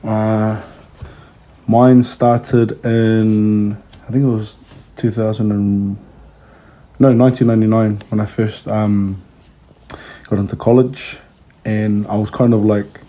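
A man's voice: fairly low pitch, level tone, takes it slowly, long pauses, dark tone. A man in his thirties with a New Zealand accent, chatting casually as an interview guest. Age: 30s. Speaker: kapahaka tutor, interview guest. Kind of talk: casual chat.

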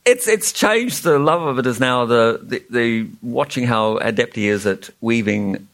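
A man's voice: medium pitch, animated, measured pace, a bit bright. A man with a New Zealand accent, a children's author reading a book aloud at a festival panel with jokey asides, laughing at the puns and lifting his voice for the characters' lines.

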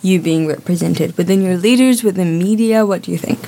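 A woman's voice: fairly low pitch, brisk, gravelly, warm tone. A young woman co-hosting a youth radio show, chatting eagerly and sometimes stumbling over her words. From New Zealand and Samoa. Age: young adult. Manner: enthusiastic, chatty, a few stumbles. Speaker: co-host. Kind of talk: casual radio chat.

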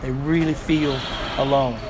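Arkansas hillbilly man over clear street noise. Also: mid-range voice, fairly even intonation. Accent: Arkansas hillbilly, Southern US. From Arkansas, United States. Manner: halting, repeats words mid-sentence. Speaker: country music entertainer, interview guest. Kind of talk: casual interview chat. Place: bar, on location with street noise. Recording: noisy outdoor bar, traffic behind.

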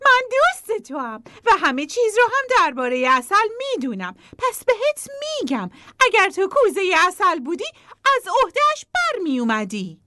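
A woman plays a friendly little bee who comforts its friend in a storybook tale. The voice sits very high and sparkles with brightness and lively swings of pitch. The delivery is quick and chirpy. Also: slight background noise, heavily acted. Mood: encouraging. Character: cheerful, encouraging little bee, a kind friend. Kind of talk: storybook voice acting.

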